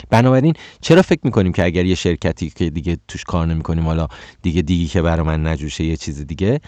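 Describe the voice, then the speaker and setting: Man, very low voice, dry close sound, casual advice talk, heated, stammering, jumps up in pitch when annoyed. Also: a little mellow, no room sound. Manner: heated, exclaims and rises in pitch when indignant; many stammers and self-corrections. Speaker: speaker giving career advice.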